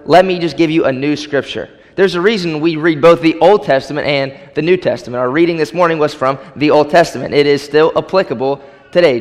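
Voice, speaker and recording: A man preaching a sermon as pastor, emphatic and repeating key phrases for weight. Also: on the high side. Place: church sanctuary. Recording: long hall reverb.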